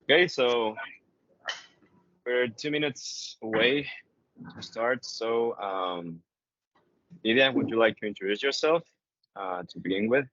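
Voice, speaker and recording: A man's voice: mid-range voice, unhurried, pauses often, fairly bright tone, dry recording. A man hosting a webinar over a video call, talking casually and hesitantly with many fillers and repeated phrases. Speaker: webinar host. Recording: dry, slightly dull online call audio.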